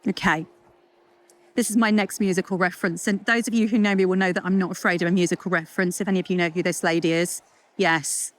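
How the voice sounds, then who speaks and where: Talking fast in a fairly low voice, a woman who works as a culture consultant addresses a live conference audience. She's lively and chatty, joking at her own expense with puns and asides.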